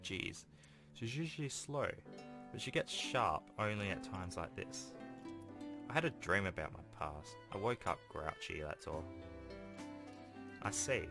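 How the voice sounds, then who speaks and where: With game music in the background, a man reads a visual novel aloud for his gaming video, making casual offhand remarks between read passages. He's low-pitched and expressive, with vocal fry, a measured pace, and frequent pauses.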